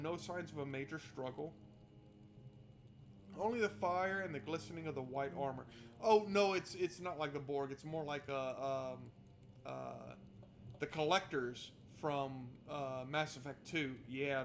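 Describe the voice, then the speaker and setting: A man with a fairly high voice does let's play commentary on a visual novel, reading the narration aloud and heckling it with sarcastic, exasperated swearing. He keeps a measured pace, game music plays behind him, and there is a little hiss or hum.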